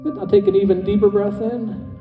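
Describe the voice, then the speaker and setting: A man speaking as a stage hypnotist, slowly and soothingly guiding volunteers through a relaxation induction. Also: high-pitched, fairly even intonation, phone-quality sound. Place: stage in a hall with an audience. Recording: echoey hall, far from mic, music behind. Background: soft background music.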